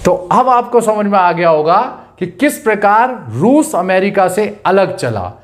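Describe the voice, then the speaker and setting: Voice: mid-range voice, sing-song, unhurried. Hindi teacher drilling exam points. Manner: asks rhetorical questions and answers them; repeats key points for students to memorize. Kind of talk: exam-prep lecture.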